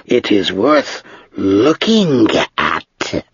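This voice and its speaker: A man voicing a huge, ancient male dragon that mocks and tempts with slow, drawn-out words. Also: lowish voice, big pitch swings, slightly rough, no room sound, muffled recording, exaggerated voice. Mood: taunting.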